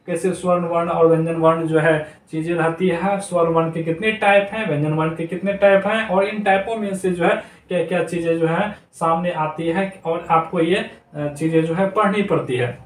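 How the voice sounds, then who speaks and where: A man's voice: high-pitched, fairly even intonation, moderate pace. A male grammar teacher talking children through a lesson, repeating each term aloud for them to remember, in a noisy room. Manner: repetitive, drills terms aloud. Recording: echoey room, distant mic, faint noise.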